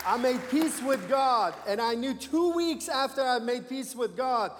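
A man's voice: very high voice, measured pace, background noise. A man from Iran, giving an emphatic church testimony as a guest missionary and calling the crowd to say amen. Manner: emphatic preacher, calls for amens. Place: church sanctuary. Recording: echoey sanctuary with faint music.

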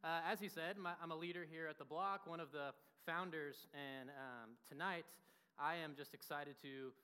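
Young male pastor, twenties, lively storytelling sermon, crisp and bright voice. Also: a little high, normal speed, in a large hall. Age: 20s. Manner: animated and talkative, full of fillers. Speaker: pastor and church founder.

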